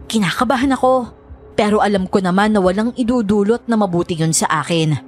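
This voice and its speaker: A woman narrating a first-person horror story in a steady storytelling manner. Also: mid-range voice.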